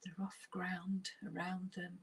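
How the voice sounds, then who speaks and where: Her voice fairly low and her delivery completely flat, a woman guides listeners through relaxation. She speaks in a husky, breathy near-whisper, calm and unhurried, with long pauses throughout.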